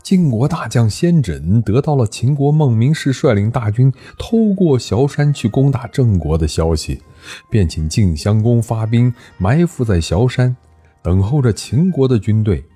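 A man's voice: mid-range voice, big pitch swings, a little slow, warm tone, breathy edge, soft background music. A man telling an ancient history story, narrating with animation and voicing every character.

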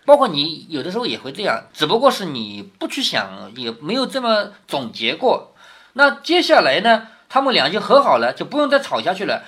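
A man's voice: sits high, wildly swooping pitch, fairly quick, a bit bright. A man reading a classic novel to his daughter, stopping often to explain and ask her questions. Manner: explanatory, asks the listener questions. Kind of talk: storytelling with running commentary.

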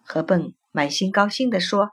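A woman reading a children's story aloud in an expressive, unhurried way. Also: medium pitch, husky.

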